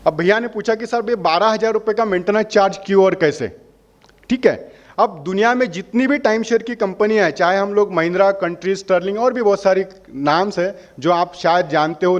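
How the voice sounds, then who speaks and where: Male sales rep, high-pitched, persuasive explainer who answers his own questions, lo-fi sound. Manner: persuasive, asks questions and answers them himself. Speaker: holiday membership company representative.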